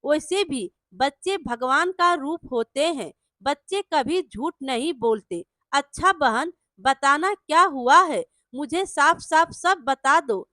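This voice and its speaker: A woman doing a caring elder brother in a storybook tale, gently coaxing and concerned. Her voice is high and bright, slow and close to the mic. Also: animated, no room sound, full character voice.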